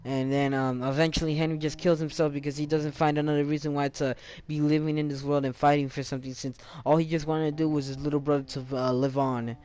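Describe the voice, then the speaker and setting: Smooth-voiced young man rambling through a recap. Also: fairly high pitch, little pitch movement, fast talker, few pauses, darkish tone. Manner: rambling, many self-corrections and restarts. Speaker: gaming channel host. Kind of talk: casual game story recap.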